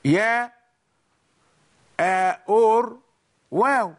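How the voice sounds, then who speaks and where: Patient male recitation teacher: unhurried, pitched high, says everything twice. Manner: slow, explains each point twice, once in English and once in Arabic. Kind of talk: bilingual tajweed lesson.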